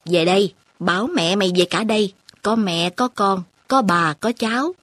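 A woman voicing a lively, chatty middle-aged village aunt who teases and talks briskly. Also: medium pitch, dry recording, lightly acted. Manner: brisk, teasing country talk.

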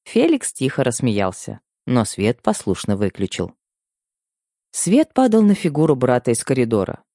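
A man reading a first-person story aloud as an audiobook narrator, with expressive storytelling. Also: mid-range voice, normal speed, no room sound, clean studio sound. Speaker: audiobook reader.

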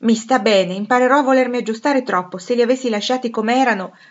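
A woman voicing a vain, proper young woman in a storybook reading, her voice raised higher than her narration. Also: quick pace, highs cut off, lightly acted. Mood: prim.

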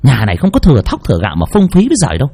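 A man's voice: fairly low pitch, big pitch swings, vocal fry, darkish tone, breathy edge, exaggerated voice. A man voicing a cruel, scolding middle-aged daughter-in-law in a ghost story. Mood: spiteful scolding. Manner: scolding, spiteful, rapid-fire.

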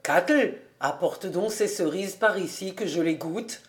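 A woman's voice: fairly low pitch, a little slow, natural voice. A woman voicing a cheerful, eager man who exclaims heartily in an audiobook. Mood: hearty.

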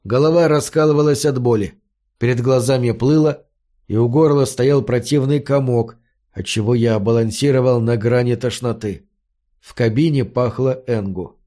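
A man's voice: mid-range voice, moderate pace, warm tone. Man narrating a story in first person. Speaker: audiobook narrator.

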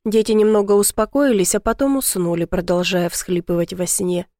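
A woman's voice: medium pitch, level tone, moderate pace, mellow, dry recording, clean studio sound. A woman reading a dramatic first-person audiobook in an earnest, emotional way. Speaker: audiobook narrator. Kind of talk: scripted first-person narration.

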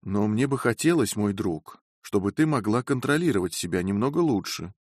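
Reserved husband in a storybook, calm, low, even-toned; the male reader himself. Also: dry recording, studio quality. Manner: calm, measured.

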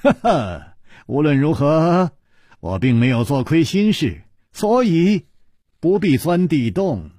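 A man voicing a calm, confident swordsman hero who speaks in an unhurried, teasing way. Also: a little high, no echo, clean studio sound, heavily acted.

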